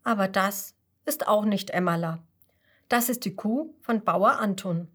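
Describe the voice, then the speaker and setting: Lady reading a kids' bedtime story, slow and gentle. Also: medium pitch, slightly rough. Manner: slow and gentle, with lively voices. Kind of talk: children's story narration.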